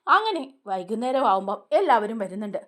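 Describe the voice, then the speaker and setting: A woman's voice: a little high, sing-song, a bit bright. A woman retelling a TV serial episode in a chatty, casual way, as a serial reviewer. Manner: chatty, fast, tag questions.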